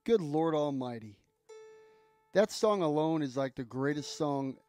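A man's voice: on the high side, expressive, a little slow, a little mellow. A man with a lisp, co-hosting a music livestream in rambling, joking casual chat. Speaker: co-host and musician.

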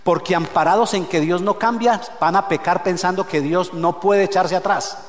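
Preaching at a moderate pace, a male pastor with a fairly high voice fills a spacious sanctuary that rings with long reverb. His sermon swings between loud shouts and quiet, hushed asides, and he keeps calling on the congregation to say his words back to him.

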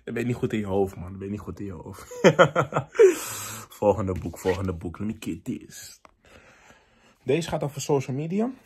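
A young man from the Netherlands casually reviewing books in a vlog, chatty and quick to laugh, dropping in English phrases. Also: on the low side, animated, dark tone, slight background noise. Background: faint background music.

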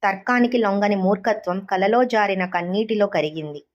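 A woman reading a short story aloud as an audiobook narrator, in a calm, measured way. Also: mid-range voice, muffled recording.

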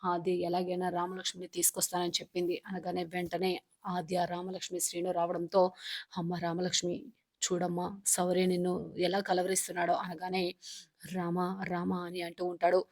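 A woman's voice: lowish voice, monotone, a little fast. A woman casually retelling a drama episode, chaining events with "and then" and speaking every character's lines in her own plain voice. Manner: strings events together with "and then" phrases. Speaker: serial episode narrator.

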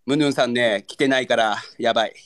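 A man's voice: medium pitch, steady tone, a little fast, a bit bright. A young man with a Kansai accent, a livestreamer bantering in mock anger and pleading with viewers for gifts. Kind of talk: live-stream battle banter.

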